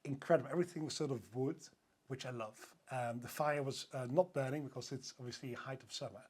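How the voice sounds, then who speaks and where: Speaking fast in a steady, mid-range voice that's darkish and husky, a Dutch-accented man from the Netherlands guests on a podcast. The hotel sales director keeps the casual interview eager and loose, with frequent fillers and restarts.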